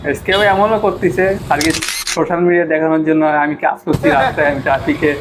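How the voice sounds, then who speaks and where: A man's voice: a little high, quick pace, background noise. Young man joking over clips. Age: young adult. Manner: mocking, chatty asides to viewers. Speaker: reaction video host. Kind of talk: casual comic commentary. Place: indoors against a plain pink backdrop.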